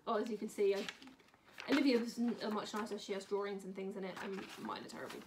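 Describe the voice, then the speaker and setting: A woman's voice: medium pitch, fairly even intonation, quick pace, noisy background. A chatty woman of twenty-five, answering questions to camera in a casual book vlog, with dry sarcastic humour. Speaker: book vlogger.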